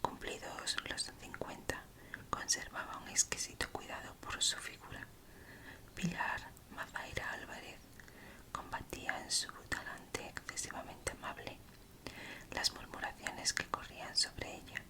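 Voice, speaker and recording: True crime is read aloud here as ASMR by a female host with a Spain Spanish accent. The voice is an unvoiced, airy whisper, quiet and relaxed, delivered a few words at a time.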